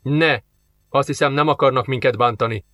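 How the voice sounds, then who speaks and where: A man's voice: medium pitch, pushed and bright, no room sound, clean studio sound, close to an everyday voice. A man reading an audiobook, voicing a tense male police captain under fire, curt and strained.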